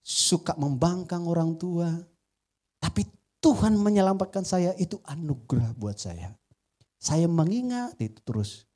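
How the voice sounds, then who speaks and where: A male pastor with a Batak-tinged Indonesian accent preaching a sermon to a congregation, joking and swinging between loud emphasis and quiet asides. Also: fairly high pitch, lively intonation, unhurried. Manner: often addresses the congregation as "saudara". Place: church before a congregation.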